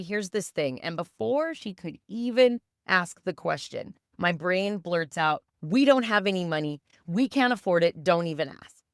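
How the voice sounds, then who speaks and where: A woman in her thirties with a lowish voice speaks candidly as a podcast host. She tells her story in a raw, self-mocking, confessional way. The recording is dry and close, with no room sound. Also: no room sound. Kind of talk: candid personal monologue.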